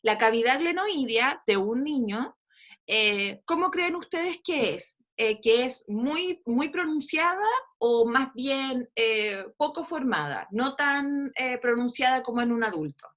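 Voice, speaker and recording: A woman's voice: sits high, lively intonation, slow, fairly bright tone. A woman teaching an online dentistry class, coaxing students to answer questions with frequent fillers over a video call. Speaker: dentistry lecturer.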